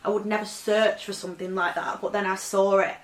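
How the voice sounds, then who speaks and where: A woman's voice: mid-range voice, little pitch movement, fairly quick. A woman chatting through a vintage clothing haul at home, rambling and filling her talk with "like". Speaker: fashion vlogger. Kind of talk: casual vintage haul vlog. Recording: roomy echo, voice from off-mic.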